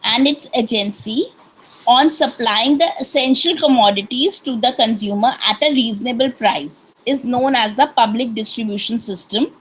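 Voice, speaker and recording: A woman with an Indian English accent, giving an online lecture as a course counsellor and explaining things in a steady way. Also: high-pitched, a little hiss or hum, poor audio. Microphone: video call.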